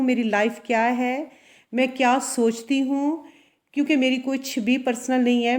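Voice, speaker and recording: A woman's voice: sits high, a little mellow. A woman who runs a salon and a boutique, talking earnestly and confidingly to her viewers about her own life, often checking in with them as she goes. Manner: earnest, confiding, with frequent tag questions. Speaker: vlogger. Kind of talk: personal motivational talk to camera.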